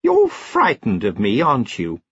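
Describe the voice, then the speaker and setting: A male narrator voicing a cold, seductive female elf queen in an audiobook, speaking slowly and insinuatingly with a husky voice. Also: medium pitch, huge pitch swings, fairly bright tone, full character voice. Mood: menacing. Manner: slow, insinuating and menacing. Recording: slightly dull, muffled recording.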